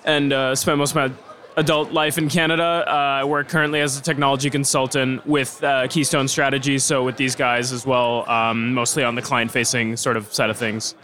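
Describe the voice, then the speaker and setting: A man from Venezuela, a tech consultant, answering interview questions with relaxed, rambling explanations outdoors. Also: mid-range voice, moderate pace. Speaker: technology consultant, guest.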